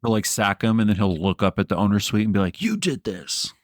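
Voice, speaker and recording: Low-voiced man in casual sports chat. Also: fairly even intonation, fast talker, dry recording, studio quality. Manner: rambling, laughs mid-sentence, swears. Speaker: podcast co-host.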